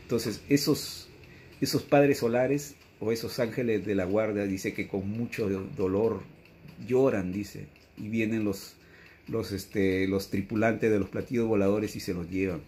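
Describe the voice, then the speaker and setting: A man's voice: lowish voice, steady tone, unhurried, a little mellow, slight background noise. A man, giving an earnest, repetitive spiritual teaching and often quoting a messenger. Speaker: religious teacher.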